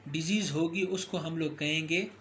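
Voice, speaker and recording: A man's voice: on the high side, fairly even intonation, moderate pace, a bit bright, a little hiss or hum. A man giving a recorded medical lecture, explaining step by step with frequent fillers and self-corrections.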